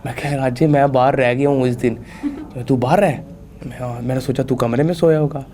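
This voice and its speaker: A man's voice: mid-range voice, fairly even intonation, brisk, dark tone, a little hiss or hum. A young man, an athlete guest on a podcast, telling rambling stories full of fillers and frequent laughter in a studio. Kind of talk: casual storytelling interview.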